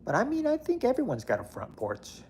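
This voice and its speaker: Brisk and very high-pitched with huge pitch swings, a somewhat mellow man's voice comes through over slight background noise. He's a livestream host in his late thirties casually reading viewer comments, rambling and repetitive with plenty of fillers.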